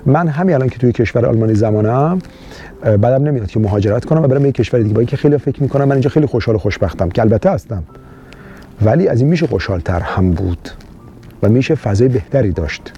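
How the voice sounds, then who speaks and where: Very mellow-voiced man from Iran. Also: medium pitch, expressive, lo-fi sound, a little hiss or hum. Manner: rambling, frequent hesitant fillers. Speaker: immigration advice vlogger. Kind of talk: casual monologue. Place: lives in Austria.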